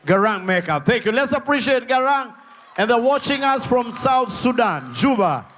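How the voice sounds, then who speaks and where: A man's voice: very high voice, very animated, moderate pace. A man with a Kenyan accent hosting a live comedy show, calling out playfully to audience members in a noisy venue. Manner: loud, playful, calling out to the crowd. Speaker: host working the audience.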